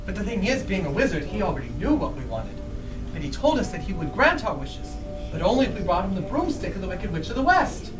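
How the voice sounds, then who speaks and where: A woman playing a friendly, excitable Scarecrow who tells a story live to children and puts questions to the listeners. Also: mid-range voice, fast talker, close to an everyday voice. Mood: earnest, explaining. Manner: animated, asks the listeners questions. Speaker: costumed storyteller. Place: bookstore live event. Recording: distant mic, music behind.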